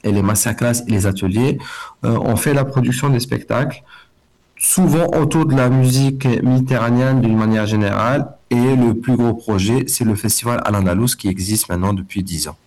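A man's voice: medium pitch, a little fast, a little mellow. A middle-aged man from Algeria, a festival director speaking as a guest in a radio interview, talking with many fillers and restarts.

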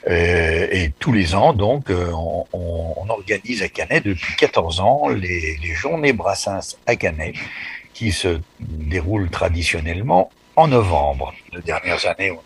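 Man, 80s, from the Paris suburbs, radio guest, very raspy, low voice, folksy, halting. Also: expressive. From Paris suburbs, France. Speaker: association president, guest. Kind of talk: casual radio interview.

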